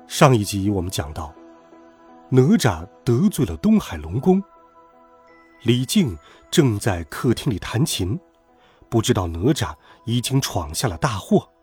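A man telling a classic myth as scripted storybook narration, dramatic and expressive. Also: lowish voice, a little slow, husky, soft background music.

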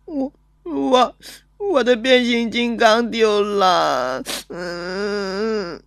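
A woman's voice: fairly high pitch, expressive, dry recording, studio quality. A woman voicing a timid tearful little boy. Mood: tearful, stammering. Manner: stammering, sobbing, halting. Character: timid ten-year-old boy, chubby and tearful. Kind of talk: audio drama acting.

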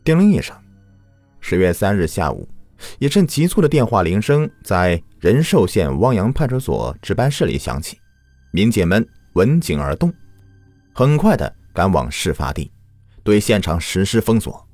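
A man's voice: lowish voice, very animated, normal speed, darkish tone, no room sound, faint music behind. A man narrating true crime from a script as a host, in a dramatic storytelling manner. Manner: dramatic storyteller with rhetorical questions.

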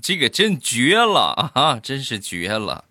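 A man telling a comic joke monologue in a lively way, with drawn-out particles on his punchlines. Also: mid-range voice, background noise. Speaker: comic storyteller.

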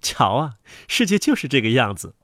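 A man's voice: medium pitch, sing-song, normal speed, fairly bright tone, no echo, clean studio sound. A man voicing a fussy, bossy and doting mother duck in a storybook. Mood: lecturing. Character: proud bustling mother duck, female.

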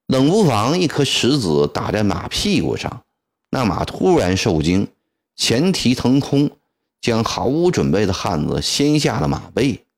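A man narrating a historical tale in a dramatic, expressive traditional storytelling style. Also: mid-range voice, a little slow, vocal fry.

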